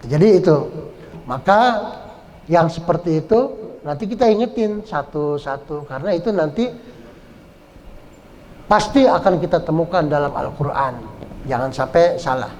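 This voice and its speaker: A man teaching Quran recitation rules, explaining patiently, repeating words and chanting verses slowly. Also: a little high, expressive, darkish tone, slight background noise. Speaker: Islamic teacher. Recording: dull lo-fi sound.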